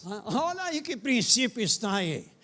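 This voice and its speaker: A preacher with a strikingly high voice gives an impassioned sermon. His delivery swings into loud, emphatic questions. He talks plainly and directly to the congregation. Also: big pitch swings, normal speed. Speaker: pastor.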